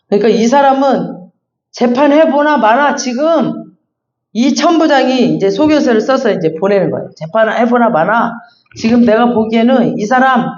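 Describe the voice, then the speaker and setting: High-voiced man preaching in echoey church. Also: a little mellow. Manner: conversational, emphatic, reads verses then explains. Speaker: pastor. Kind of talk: expository Bible sermon. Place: church sanctuary. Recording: echoey, dull church sound.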